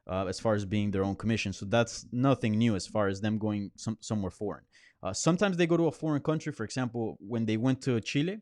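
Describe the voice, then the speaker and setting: Man, live stream host, low voice, dry close sound, rambling with fillers. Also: a little mellow, no room sound. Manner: rambling, many restarts and fillers; conversational, answering viewer questions. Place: apartment near a hospital.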